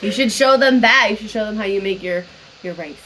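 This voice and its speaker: A woman's voice: medium pitch, fairly quick, a bit bright, a little hiss or hum, rough recording. A woman co-hosting a casual chat at home, blunt and slangy, swearing freely. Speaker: co-host.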